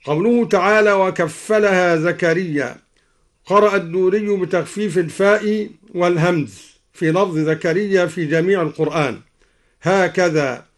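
A man with a somewhat high voice gives a formal lesson from a radio studio. His explanations are measured and careful. Each example is chanted slowly and melodically. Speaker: Quran reading teacher on radio.

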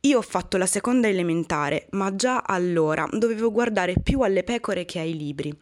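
A woman voicing a kind, humble male emigrant worker who speaks gently and earnestly in a storybook reading. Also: mid-range voice, expressive, normal speed, natural voice.

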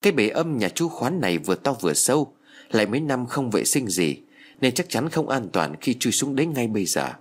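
A practical middle-aged neighbor in a storybook, as a male narrator puts him on, laying out the facts plainly. His husky voice moves with lively pitch. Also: brisk. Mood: explaining. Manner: explanatory, matter-of-fact. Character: calm, knowing middle-aged man, the neighbor.

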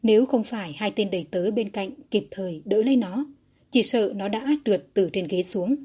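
A woman narrating a historical fantasy audiobook in a steady, even storytelling manner. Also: medium pitch, moderate pace, slightly rough.

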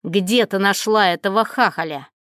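A woman's voice: medium pitch, normal speed, a bit bright, no echo, natural voice. A woman reading the part of a jealous ex-husband who talks in a pushy, accusing way, in a dry recording. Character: stern jealous ex-husband, grown man.

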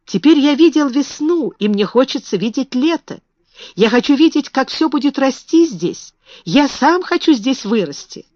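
A woman's voice: high-pitched, lively intonation, moderate pace, a little mellow, dry recording, lo-fi sound, pitched above the performer's own voice. A woman voicing a frail, sickly boy who speaks earnestly and a little timidly. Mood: eager.

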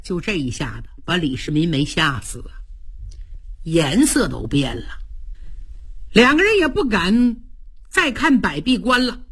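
A woman narrating a traditional story in an animated, dramatic way. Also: fairly low pitch, a little slow, pauses often, slightly rough.

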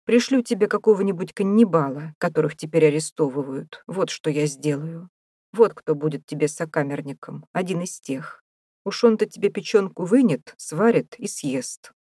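A woman voicing a gruff, mocking male prison warder who bosses prisoners about in an audiobook. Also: sits low, normal speed, dark tone, no room sound, studio quality. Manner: rough, taunting, bossy.

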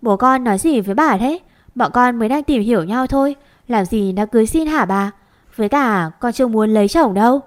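A woman voicing a quick-tempered young woman who snaps at her younger sister. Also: fairly high pitch, animated, lightly acted. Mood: snappish. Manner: snappish, scolding.

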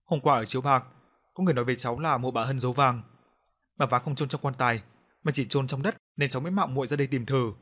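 A man's voice: medium pitch, fast talker, a bit bright, lightly acted. A man voicing a frightened young gambler who stammers and begs for mercy in an audiobook. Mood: pleading. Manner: stammering, begging.

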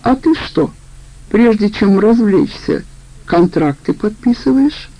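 A woman's voice: medium pitch, expressive, takes it slowly, mellow, pitched above the performer's own voice, rough recording. A woman reading as a needling middle-aged woman. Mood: coaxing. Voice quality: mocking, needling. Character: sharp-tongued middle-aged female accomplice.

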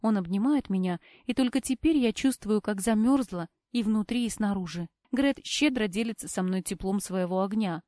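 A young woman narrating an audiobook in the first person, with a measured, expressive delivery. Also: medium pitch, no echo.

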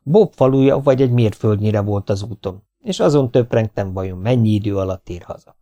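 A man reading an audiobook in calm, measured scripted narration. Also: on the low side.

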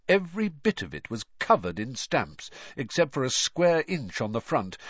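A male narrator reads the story with a lively, wide-ranging pitch in a mid-range voice. The recording is close and dry, with a slightly dull, muffled top end. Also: slightly rough, no room sound. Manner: expressive storytelling. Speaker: audiobook narrator. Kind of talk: scripted narration.

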